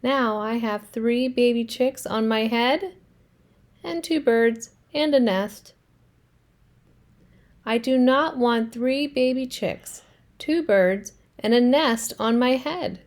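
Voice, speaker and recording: A woman with a slightly high voice takes it slowly while reading a children's storybook aloud. She voices an anxious, fretful male elephant, asking worried questions with rising alarm.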